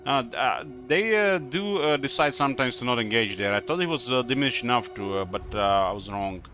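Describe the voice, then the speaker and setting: A man giving casual strategy game commentary, thinking aloud with hesitant pauses. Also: mid-range voice, expressive, sharp tone. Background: faint game music.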